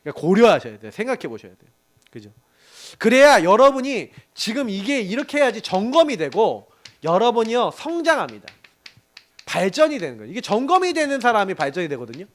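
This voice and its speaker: A middle-aged man preaching to a young adults group, telling animated stories and often laughing. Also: high voice, brisk. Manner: animated storytelling with laughs and acted quotes. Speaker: pastor.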